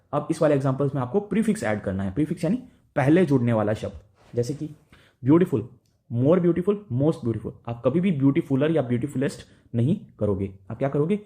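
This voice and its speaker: A man with an Indian accent walks through grammar rules like a patient teacher. His voice is mellow and dark, and he keeps checking in with the listener as he goes. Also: mid-range voice. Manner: explains step by step, often asks "right?". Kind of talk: Hindi-English grammar lesson.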